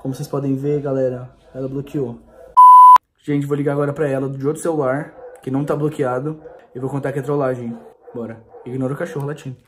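Fast-talking anxious young man. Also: mid-range voice, level tone, very noisy. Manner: anxious, pleading, slangy. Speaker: vlogger pranking his girlfriend. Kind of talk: prank call vlog.

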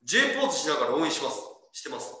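A man's voice: fairly high pitch, big pitch swings, rapid-fire, bright, forceful tone. A man in his thirties hosting a casual livestream, reading viewer comments aloud, laughing often and joking about himself. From Kagoshima, Japan. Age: 30s. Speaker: club ambassador host. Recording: echoey room.

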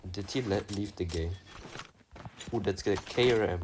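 A man streaming a mobile shooter game, talking loudly and playfully with teammates. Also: lowish voice, moderate pace, noisy background. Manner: loud, shouty and playful. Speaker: gaming streamer. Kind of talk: excited gameplay chat.

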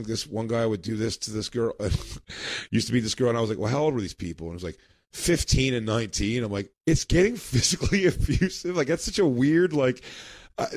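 A man's voice: mid-range voice, dry recording, clean studio sound. A man co-hosting a podcast in casual chat, a telling rambling stories and laughing mid-sentence. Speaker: podcast co-host.

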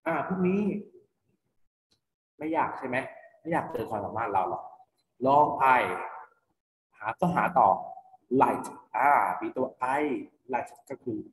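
Thai-accented male teacher, slow and patient phonics lesson, roomy reverb. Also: mid-range voice, animated, slight background noise. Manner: patient, spells words letter by letter, asks and answers own questions. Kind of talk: online English phonics lesson for children. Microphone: computer mic for online class. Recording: echoey, reverberant room.

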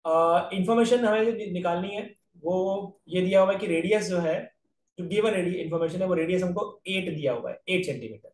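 A man with an Indian accent, an aptitude exam math teacher, runs an online geometry lecture step by step, checking with students by asking "right?". He talks briskly in a high, darkish voice that sounds reverberant through a distant mic.

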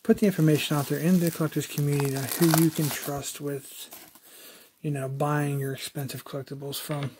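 Male collector, casual step-by-step unboxing narration, slightly higher voice, light background hiss. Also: little pitch movement, a little fast. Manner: conversational, explains step by step with fillers. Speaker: toy collector reviewer.

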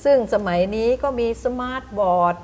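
A middle-aged woman teacher giving a lecture to other teachers. She explains reading methods, spells words out slowly with demonstrations and often puts questions to her audience. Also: fairly high pitch, lively intonation, slight background noise.

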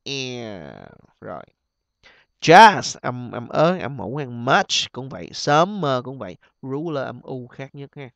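A man's voice: mid-range voice, expressive, vocal fry, a bit bright, dry recording, muffled recording. Man teacher drawing out example words. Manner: repeats and drawls example words slowly, then explains in quick asides. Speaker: English teacher. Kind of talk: exam review lesson.

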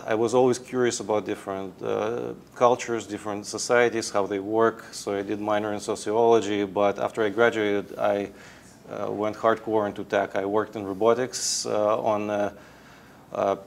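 A Russian tech founder in his thirties, with a Russian accent, answers interview questions hesitantly and with many fillers. His voice is on the low side, creaky and level, at normal speed. He's on an indoor studio set, wearing a lapel mic.

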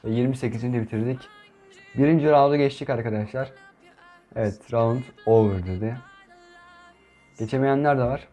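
A young man commenting on his gameplay in a casual, chatty way, who gets frustrated and shouts at opponents. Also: medium pitch. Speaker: gaming YouTuber.

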